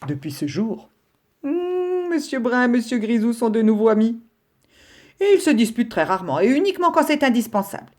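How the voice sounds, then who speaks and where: A woman teacher reading a children's story aloud with an expressive storytelling delivery. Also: a little high, fairly quick.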